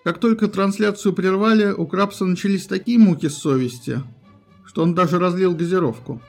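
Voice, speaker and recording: Male audiobook narrator, light high voice, expressive theatrical delivery, soft music bed underneath. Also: normal speed, creaky. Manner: lively, theatrical storytelling.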